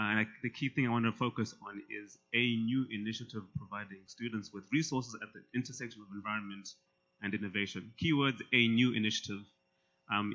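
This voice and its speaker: A man emceeing a student pitch competition in a casual way, with many fillers between announcements. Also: bright, forceful tone. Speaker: event emcee. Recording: slightly muffled event audio.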